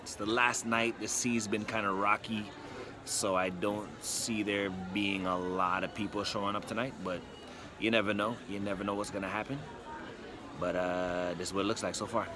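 On a cruise ship, in the cabin and the theater, a comedian in his thirties vlogs casually to a phone camera at arm's length. His voice is on the low side at normal speed, and he's relaxed, chatty and quick to mock himself.

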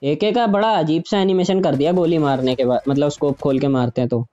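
A man commentating his own game stream in a chatty, playful way, with a fairly high, mellow voice. The sound is dull and lo-fi. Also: fairly quick. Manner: chatty, playful, greets viewers. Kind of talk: casual gaming stream commentary.

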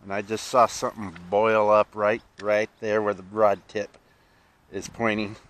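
A middle-aged man, vlogging by a park pond, talking slowly with many pauses and restarts. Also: fairly low pitch, little pitch movement, a bit bright, poor audio. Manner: slow, halting, many "uh"s and restarts. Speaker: fishing vlogger. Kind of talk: casual outdoor vlog. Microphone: camera on a stand, then head-mounted camera. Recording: outdoor noise behind the voice.

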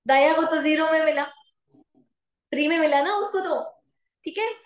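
A woman commerce teacher giving a classroom lecture with an Indian accent, slowly dictating notes and asking her students questions. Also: sits high, roomy sound, rough recording. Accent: Indian English mixed with Hindi.

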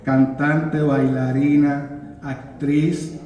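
A Puerto Rican man presents a cast in a roomy hall with long reverb and steady noise behind him. He keeps it loose, slipping in jokes and English words. A crowd murmurs in the background. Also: on the high side, very slow, muffled recording. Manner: joking, teasing, mixes in English words. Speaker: producer presenting a musical's cast. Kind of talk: casual live announcement to a crowd.

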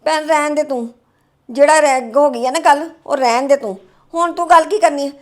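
A woman playing a high-voiced, stressed young wife. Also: a little fast. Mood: irritated, complaining. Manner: sharp, complaining, then weary and low. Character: stressed young wife worried about debts. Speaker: daughter-in-law character.

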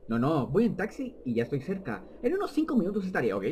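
Short-tempered young babysitter lady, guy reading her lines low, lively voice. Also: quick pace, a little hiss or hum. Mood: curt. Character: curt young woman babysitter heroine.

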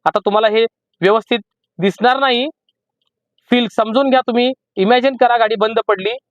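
A man with a Marathi accent teaching driving from inside a parked car, explaining slowly and repeating each step. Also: very high voice, no echo, muffled recording. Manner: repetitive, slow emphatic teaching. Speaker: driving instructor. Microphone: camera in the car.

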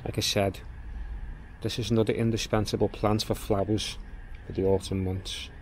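A man giving a casual tour of his walled garden outdoors, talking in a plain-spoken, unhurried way as he walks and explains. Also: on the low side, level tone, slight background noise. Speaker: gardening vlogger.

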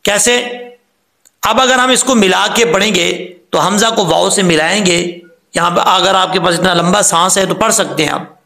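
A man teaching Quran recitation rules, explaining step by step and modelling words slowly. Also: high-pitched, creaky, pushed and bright, roomy sound. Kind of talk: tajweed lesson.

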